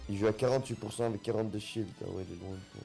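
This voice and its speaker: A man with a lowish, dark voice gives casual sports commentary on a game. He repeats names and phrases for emphasis, with faint music underneath. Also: fairly even intonation, racing, creaky. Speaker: esports co-commentator.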